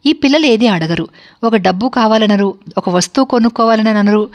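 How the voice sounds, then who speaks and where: A woman's voice: fairly high pitch, fairly quick, lightly acted. A woman voicing a proud, grumbling middle-aged father who mutters scornful complaints, in a spoken story.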